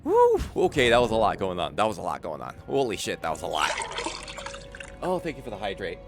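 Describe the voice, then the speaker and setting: A man chatting excitedly as a game livestreamer, animated and often repeating his phrases. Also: low voice, quick pace, gravelly, over loud music. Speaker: live streamer. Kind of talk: excited gaming livestream chat.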